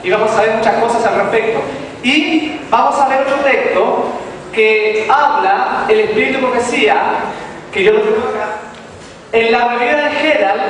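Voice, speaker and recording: A man from Chile preaching a sermon in a church, leaning on key words and drawing them out slowly. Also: very high-pitched. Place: large echoing church hall. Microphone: distant room mic. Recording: echoey hall recorded from far off. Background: room ambience and noise.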